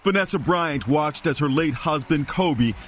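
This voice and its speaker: Man, news correspondent, lively voice, loud music under him. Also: a little high, a little slow. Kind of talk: scripted news narration.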